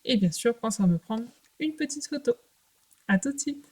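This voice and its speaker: A woman teaching a recorded remote lesson to young children. She talks patiently and clearly in short phrases with pauses. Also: a little high, lively intonation, warm tone. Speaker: primary school teacher.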